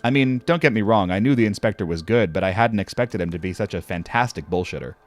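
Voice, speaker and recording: A man's voice: fairly low pitch, fast. An older man gives scripted horror story narration in a wry, conversational and occasionally profane manner.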